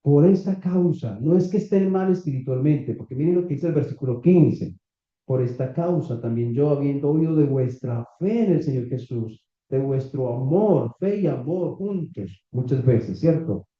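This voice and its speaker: A man preaching a sermon to a congregation, reading scripture slowly and asking the listeners questions. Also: mid-range voice, expressive. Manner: slow, deliberate preaching with rhetorical questions to the congregation. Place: small church meeting room. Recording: echoey, slightly dull church recording.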